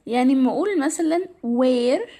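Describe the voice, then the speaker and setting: An Egyptian Arabic accent colors this woman's high, mellow, expressive voice, delivered at a normal speed. She's casually breaking English grammar down step by step, repeatedly saying "تمام", though she sounds tired and mildly strained.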